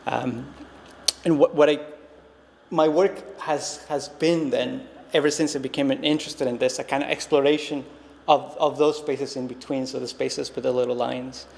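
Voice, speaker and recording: At a normal pace and with fairly even intonation, a man in his thirties from Costa Rica delivers an artist talk, his mid-range, darkish voice showing vocal fry. A native Spanish speaker and visiting artist, he sounds reflective and hesitant, full of ums and restarts, in a reverberant gallery with long reverb and faint noise.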